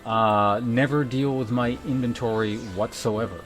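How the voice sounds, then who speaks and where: A man streams a game playthrough, chatting casually as he goes. His voice is of ordinary male pitch, with music clearly audible behind it. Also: steady tone, measured pace.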